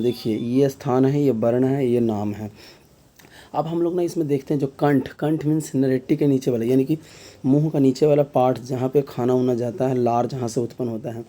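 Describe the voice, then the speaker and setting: A man with a very dark, mellow voice takes students through an exam-prep grammar lesson. He explains step by step and keeps asking the key terms back as questions, with a filler tag dropped into his sentences. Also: medium pitch. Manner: frequent filler tags mid-sentence. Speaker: teacher.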